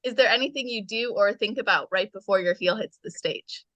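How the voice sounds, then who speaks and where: A woman's voice: mid-range voice, fairly quick, a bit bright, no room sound, highs cut off. Woman podcast host, upbeat chatty interviewer, dry mic.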